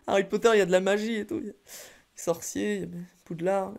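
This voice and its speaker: A young man in his twenties with a boyish, fairly high voice, hosting a playful voice-impression tutorial and joking between voices. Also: steady tone, quick pace, vocal fry. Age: 20s. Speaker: YouTube impressionist.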